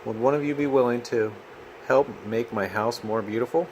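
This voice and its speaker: A man's voice: mid-range voice, normal speed, a little mellow, lightly acted, poor audio. An earnest little hermit crab from a children's storybook, voiced by a man reading aloud. He is polite and a bit fretful, speaking expressively, with faint noise behind him. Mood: admiring, polite. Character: polite, fretful young male hermit crab seeking a home.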